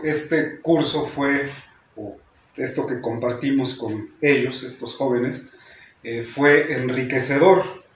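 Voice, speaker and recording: A man's voice: mid-range voice, echoey room, a little hiss or hum. A man with a Mexican accent teaching a class, explaining patiently and often ending sentences with a questioning "¿no?". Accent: Mexican Spanish. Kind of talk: lecture to a class.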